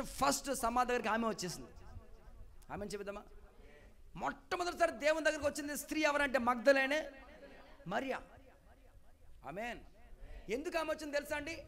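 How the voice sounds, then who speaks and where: A male pastor preaching a sermon at a Sunday service. He calls out to the congregation for responses and swings between quiet asides and loud, emphatic exclamations. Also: very high-pitched.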